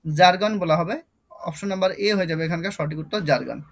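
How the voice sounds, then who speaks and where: A man's voice: a little high, animated, fast talker, gravelly. A young man with a Bengali accent teaching an online exam-prep English lesson, repeating key terms and quizzing his students.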